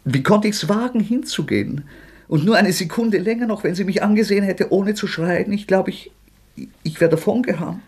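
Here the actor's husky, frequently breaking voice sits high with a darkish tone, as the tormented young man of this German radio play confesses to murder. He sounds anguished and self-loathing, speaking in agitated, halting outbursts.

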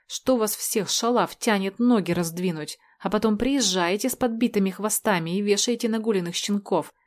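A woman's voice: mid-range voice, moderate pace, lightly acted. A woman voicing a drunk, brutish young man who sneers and spits out crude insults in a storybook reading. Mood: sneering.

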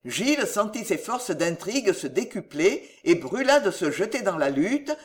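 This is an audiobook reader narrating a historical novel with lively, swinging intonation. The pitch sits in a mid register. The delivery is dramatic and expressive throughout. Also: normal speed.

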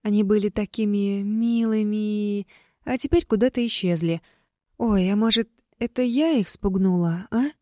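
A woman's voice: medium pitch, normal speed, dark tone, no room sound, clean studio sound, natural voice. Woman playing a giddy, dazed young heroine. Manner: dreamy, childlike wonder. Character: giddy young woman, magically exhausted, babbling.

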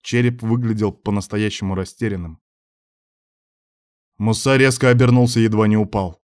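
A man reading a dramatic story aloud, steady in his narration. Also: lowish voice, moderate pace, no echo, clean studio sound. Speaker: audiobook narrator. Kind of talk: scripted narration.

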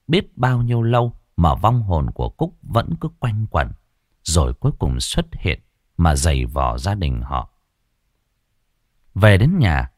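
Male storyteller reading a ghost tale, really deep voice, swings around a lot, dry sound. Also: dry recording. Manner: expressive, varied storytelling delivery.

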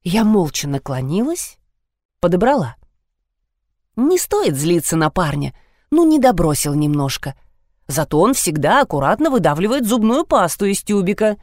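A woman narrating a comic novel as an audiobook, reading with lively expression. Her pitch moves a great deal through each sentence. The recording is dry and close, with no room sound. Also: normal speed, no room sound.

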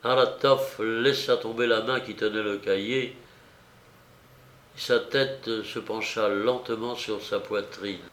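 Slow, measured male audiobook narrator. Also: lowish voice, fairly even intonation, a bit bright. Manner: measured literary reading. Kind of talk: scripted narration. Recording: roomy echo.

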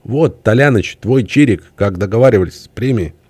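A man's voice: lowish voice, animated, fairly quick, darkish tone, breathy edge, dry recording, voice pushed up. A man voicing a cocky, hard-drinking male poet who talks with smug triumph in an audiobook.

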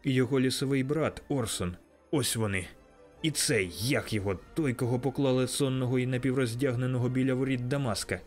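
A man's voice: on the low side, expressive, fast talker, faint music behind, natural voice. A man reading an audiobook, voicing a sentimental old miser who exclaims and then murmurs tearfully. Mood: exclaiming. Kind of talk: audiobook character voice.

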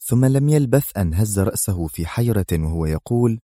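Low, mellow male narrator. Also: animated, brisk, dry recording, studio quality. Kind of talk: audiobook narration.

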